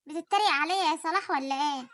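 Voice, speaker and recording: A woman's voice: very high voice, dry recording, clean studio sound. A woman voicing a jealous Egyptian sister. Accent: Egyptian Arabic. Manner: quick, sharp-tongued. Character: scheming young sister, jealous and sharp-tongued. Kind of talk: animated story voice acting.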